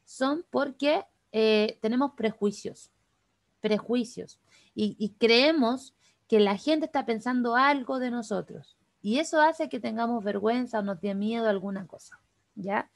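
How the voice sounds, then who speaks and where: Fast-talking Chilean woman teaching online. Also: on the high side, gravelly, no echo. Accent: Chilean Spanish. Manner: fast, chatty, addresses participants directly. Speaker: workshop instructor. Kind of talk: online class talk. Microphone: video call.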